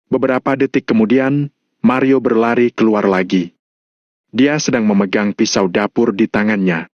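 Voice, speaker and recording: A man's voice: lowish voice, steady tone, normal speed, dry recording, dull audio. Man reading a novel aloud. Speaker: narrator.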